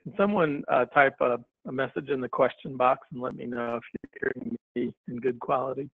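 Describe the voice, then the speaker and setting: An easygoing man hosts an online webinar and chats casually with his guest. His voice has a gravelly, fry-laden edge. It comes through a tinny, phone-like line that sounds dry and close. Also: medium pitch, fairly even intonation, fairly quick, no echo. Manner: easygoing, laughs readily. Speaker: webinar host. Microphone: online call audio.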